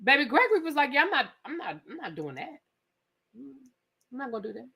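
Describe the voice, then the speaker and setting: Talking a little fast, this TV show reviewer has a high voice with vocal fry and a breathy edge. She hosts a live TV recap as animated, conversational storytelling, acting out quotes and cursing now and then.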